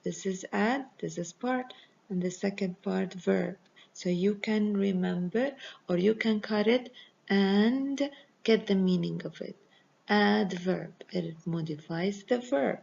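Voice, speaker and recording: A woman teacher going through a grammar review at an unhurried, deliberate pace. Her voice has a gravelly, fry-tinged edge, and she keeps coming back to patient reminders. The recording sounds dull and lo-fi. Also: mid-range voice, darkish tone. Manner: slow, patient explaining with repeated reminders.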